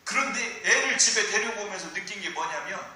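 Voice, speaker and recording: High-voiced man preaching in a very echoey hall. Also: brisk. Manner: animated storytelling, rising to shouted calls. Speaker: pastor. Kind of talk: sermon. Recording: very echoey church hall, distant mic. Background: congregation answering.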